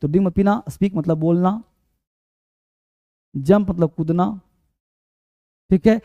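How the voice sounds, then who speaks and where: A male teacher with a high voice runs an energetic spoken-English lesson, coaxing his students and repeating words to drill pronunciation. He sounds close and dry, with no room around him. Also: measured pace, no room sound, muffled recording.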